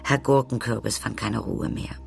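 Guy reading a kids story out loud, talks right to the listeners, low gravelly voice. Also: normal speed, faint music behind. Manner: lively, addressing listeners directly. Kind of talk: audiobook narration for children.

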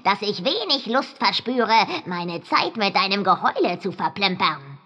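A woman voicing a vengeful, spiteful female fog fairy with a clanking, metallic, robot-like voice, speaking slowly and coldly. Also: medium pitch, sing-song, pushed and bright, dull audio, pitched above the performer's own voice, full character voice. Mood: cold, mocking. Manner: slow, cold and mocking.

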